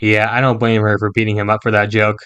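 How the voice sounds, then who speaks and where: Over background music, a man hosts a scripted video game review, slipping in jokey asides. His fairly low voice is monotone and moves at a quick pace.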